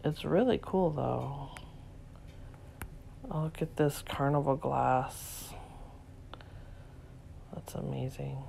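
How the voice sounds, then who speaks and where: A woman vlogger and reseller casually narrating as she browses an antique store, softly marveling and sometimes dropping to a whisper. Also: rumbling low, slow, vocal fry, long pauses, a little hiss or hum. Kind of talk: casual shop-along narration. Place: cluttered indoor antique store.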